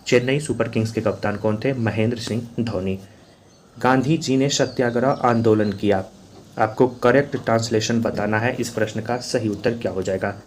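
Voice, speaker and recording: Slight hiss or hum sits under a mid-range male voice here. He's an exam coach teaching a lesson, going over quiz questions and answers again and again in a drilling way.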